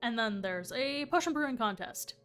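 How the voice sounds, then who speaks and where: A woman's voice: fairly high pitch, expressive, normal speed, a bit bright, faint music behind. A woman playing her character in a game roleplay chat, chatty and curious, asking lots of questions. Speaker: roleplay player.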